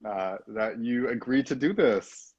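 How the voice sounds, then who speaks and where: A man's voice: medium pitch, lively intonation, a little slow, darkish tone, lo-fi sound, a little hiss or hum. Effusive young man hosting a live stream. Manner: effusive, rambling, many fillers. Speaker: host of a live-stream showcase. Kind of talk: casual chat, hosting. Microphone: phone or computer mic.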